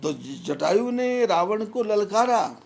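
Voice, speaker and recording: Man, spiritual teacher, devotional discourse, high-pitched, unhurried delivery. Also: very animated, creaky. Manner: measured, emphatic preaching with recited verses.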